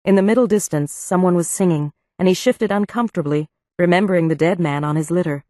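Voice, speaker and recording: A woman narrating an audiobook in an even, measured reading on a close studio mic. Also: on the low side, no room sound. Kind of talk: scripted narration.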